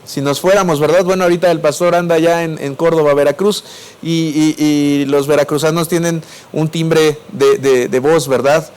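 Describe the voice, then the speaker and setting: A preacher with a Mexico City accent and a fairly high voice delivers his sermon to the congregation. He keeps putting questions to them and answering them himself. His voice rises for emphasis and then drops low and soft. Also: steady tone, normal speed, smooth. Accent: Mexico City Spanish. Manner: swings between raised and dropped voice.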